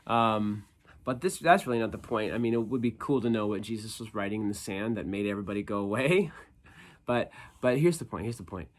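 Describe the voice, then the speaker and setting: A man's voice: lowish voice, brisk. A man speaking as an upbeat youth pastor, giving an informal, conversational devotional with slangy phrasing and emphatic repetition. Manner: upbeat youth-pastor delivery, casual and animated. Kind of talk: informal youth devotional talk with scripture reading.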